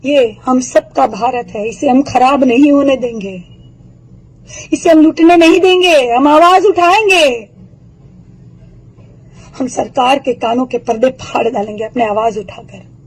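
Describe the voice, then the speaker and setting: A hoarse woman with a sore throat delivering a furious political video rant, taunting her targets with rapid-fire rhetorical questions. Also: high voice, rough recording.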